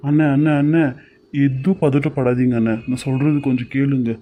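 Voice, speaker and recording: A man doing a calm younger brother on the phone. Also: mid-range voice, fairly quick, slight background noise, natural voice. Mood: reassuring. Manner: soothing, reassuring. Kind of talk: Tamil cartoon serial voice acting.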